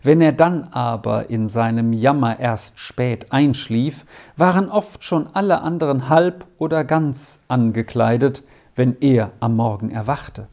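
A narrator reading a story aloud in a slow, measured storytelling manner. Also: medium pitch, darkish tone. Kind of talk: audiobook reading.

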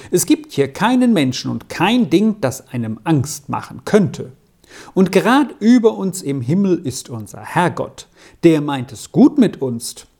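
A storybook reader voicing a kindly, cheerful adult male alpine herdsman who reassures gently. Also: mid-range voice, vocal fry, full character voice. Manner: warm reassuring, gently persuasive. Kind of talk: storybook reading.

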